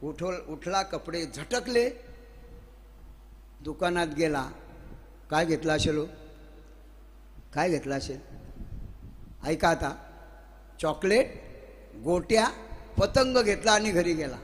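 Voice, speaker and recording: A man preaching a devotional sermon to a live audience. He tells stories, asks the listeners questions and chants verses slowly. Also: fairly high pitch, lively intonation. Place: gathering hall with a live audience. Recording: long reverb of a hall.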